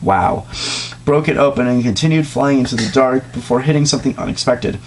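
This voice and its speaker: Poor audio and background noise mark this amateur recording of a man doing a casual mock-dramatic reading of comedic fan fiction. His mid-range voice has a darkish tone and moves a little fast, with jokey asides and occasional slips.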